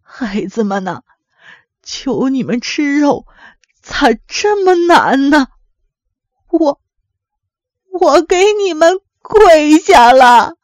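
A woman voicing a frail elderly rural mother who begs her children slowly and softly. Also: sits high, sing-song, no echo, clean studio sound, pitched above the performer's own voice, full character voice. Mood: pleading.

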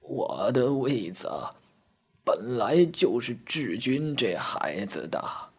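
Gentle old woman, voiced by a male storyteller, slow soft speech. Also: medium pitch, very animated, husky, heavily acted.

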